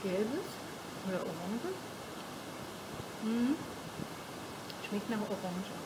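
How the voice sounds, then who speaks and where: A woman's voice: medium pitch, expressive. Woman vlogger talking while chewing. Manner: slow, plain-spoken, hesitant. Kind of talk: casual taste-test vlog. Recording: noticeable background noise.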